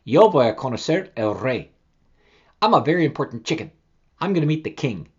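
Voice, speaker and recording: A man's voice: medium pitch, sing-song, brisk, darkish tone, slightly rough, muffled recording. A man squawking as Medio Pollito, a cocky little chick. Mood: boastful. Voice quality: squawking, bossy. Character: boastful little one-legged male chick.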